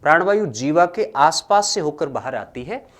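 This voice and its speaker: A man teaching a grammar lesson, slowly dictating notes and repeating each phrase for students to copy, then explaining more loudly. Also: a little high, lively intonation. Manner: swings between loud explaining and quiet dictating.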